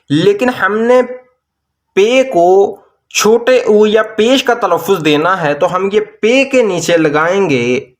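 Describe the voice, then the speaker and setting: A man teaches at a very unhurried pace, his voice sitting a little higher than most men's. He stretches each sound out as he spells whole words piece by piece, like a patient tutor at a desk. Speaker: language teacher. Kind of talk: slow explanatory lesson.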